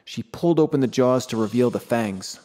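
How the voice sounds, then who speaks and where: A man's voice: mid-range voice, fairly quick, mellow. Man narrating a sci-fi horror audiobook.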